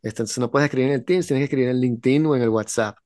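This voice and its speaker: A man's voice: mid-range voice, racing, darkish tone, dry recording, clean studio sound. A young man venting in casual chat, rambling and full of slang.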